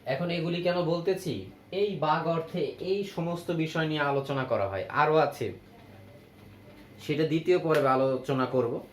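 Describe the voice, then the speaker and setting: A man teaches grammar to young schoolchildren in a slightly raised voice, reading out word lists and pausing to ask if they follow. The sound is roomy and echoey, with a faint hum of ambience behind him. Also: on the high side. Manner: explains slowly, lists words, checks with "ok?". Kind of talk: grammar lesson for young pupils.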